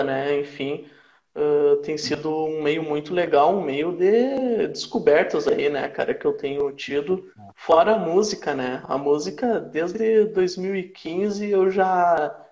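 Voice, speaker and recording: Relaxed southern Brazilian man, echoey. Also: fairly high pitch. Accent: Rio Grande do Sul Portuguese. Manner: unhurried, often tags lines with "né, cara?". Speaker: podcast guest, sports and music journalist. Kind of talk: casual chat. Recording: echoey, muffled live-stream audio.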